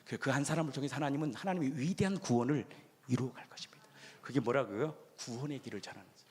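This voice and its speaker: A male pastor preaching a sermon at a youth rally, swinging from loud cries to hushed, quiet lines. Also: medium pitch, fast, long reverb tail. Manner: preaching with dramatic swings between shouting and hushed speech. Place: church hall at an outdoor youth rally.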